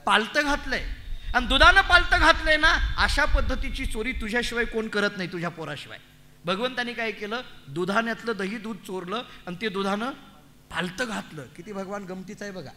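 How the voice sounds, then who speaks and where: A middle-aged male preacher from Barshi, Maharashtra, telling a devotional story in an animated, humorous way and acting out the characters. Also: very high-pitched. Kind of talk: storytelling sermon.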